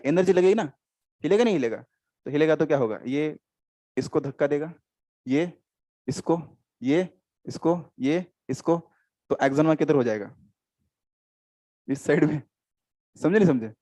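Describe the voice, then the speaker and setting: A man's voice: fairly high pitch, darkish tone, dry recording. An Indian man teaching biology in a live class, often quizzing students and repeating terms, switching into English.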